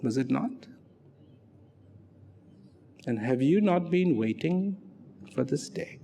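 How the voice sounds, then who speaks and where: A man giving a dramatic motivational narration, slow and emphatic, asking rhetorical questions and sometimes dropping to a near whisper. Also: on the high side, animated, vocal fry, warm tone, a little hiss or hum.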